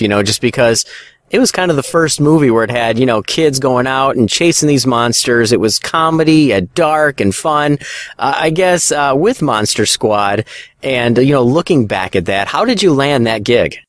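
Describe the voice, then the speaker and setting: A man's voice: medium pitch, expressive, moderate pace, no room sound. Man interviewing with many fillers. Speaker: radio interviewer. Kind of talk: radio interview.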